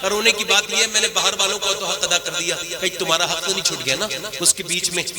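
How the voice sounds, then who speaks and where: A man giving a storytelling sermon at a mosque gathering, animated, rising to shouts and acting out the voices in his stories. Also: high voice, reverberant. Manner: animated, swings to shouts, acts out quoted voices. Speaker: religious speaker. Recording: live mosque crowd behind.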